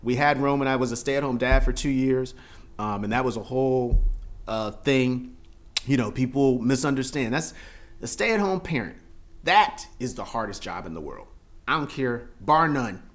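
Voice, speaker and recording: A man from the Philadelphia area, a podcast guest telling stories in casual chat, animated and bursting into loud excited exclamations. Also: medium pitch, normal speed.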